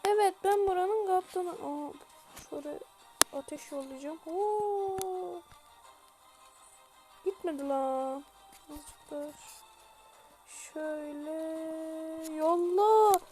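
A woman with a very high voice narrates her gameplay in a slow, easygoing way. She chats, teases herself, and shouts orders at her troops. Faint game music plays behind her desk-mic voice. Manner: chatty, shouts orders to troops, self-mocking. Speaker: gaming youtuber. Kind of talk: casual gameplay commentary.

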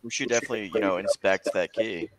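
Low-voiced, relaxed player, a man. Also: fast, background noise. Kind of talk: casual chat.

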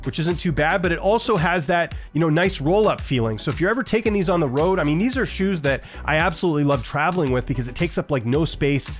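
A man in his thirties giving a casual shoe review from a home studio, talking into a boom-mounted studio mic with plenty of ums and uhs. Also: lively intonation, fast talker, hardly any pauses, faint music behind. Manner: chatty, frequent ums and uhs, shows items to camera. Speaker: vlogger reviewing shoes. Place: home studio room with posters. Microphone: large studio mic on boom arm.

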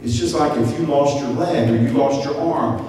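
An older man preaching to his congregation, his voice jumping up high when he acts out what people say. It comes through a roomy church hall with a long echo, caught a little off the mic, with a faint ambient hiss beneath. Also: normal speed, distant mic. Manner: animated preaching with sudden high-pitched acted quotes, gesturing. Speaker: pastor. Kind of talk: sermon. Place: church sanctuary. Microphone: stand mic at lectern.

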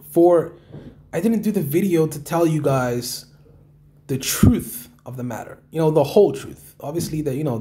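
A video creator casually works through viewer comments, reading and answering them while rambling, repeating himself and often swearing. His voice is fairly high-pitched and mellow.

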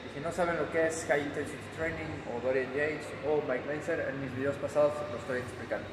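Higher-voiced gym-bro man over background noise. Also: fairly even intonation, a little fast. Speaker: fitness vlogger. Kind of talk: casual gym vlog talk, explaining workout routine. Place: indoors in a large gym. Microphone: handheld phone at arm's length. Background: gym ambience noise.

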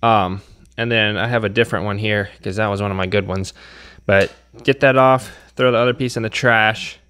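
A man's smooth, fairly bright voice of medium pitch carries this hands-on repair tutorial. As the channel's host, he chats in a relaxed way from the workshop while working.

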